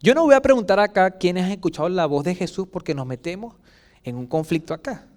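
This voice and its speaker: A man with a Chilean Spanish accent preaching a sermon as pastor, swinging between loud outbursts and soft asides and acting out quoted voices. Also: high-pitched, lively intonation, fairly quick.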